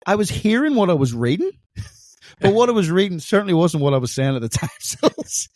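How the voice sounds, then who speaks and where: With a high voice that swings widely in pitch, this male podcast co-host talks briskly in a somewhat dark tone, recorded at studio quality without room sound. His thick accent isn't Australian, and he keeps the casual chat light, teasing and laughing a lot.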